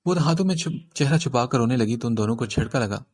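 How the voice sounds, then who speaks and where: A man reading a romance novel aloud as an audiobook narrator, in a steady storytelling manner. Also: mid-range voice.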